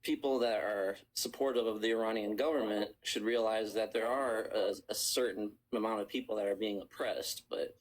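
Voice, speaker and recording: A man calling in to a live stream, talking in a rambling, halting way with many restarts. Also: fairly low pitch, fairly even intonation, poor audio. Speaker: caller. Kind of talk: casual call-in chat.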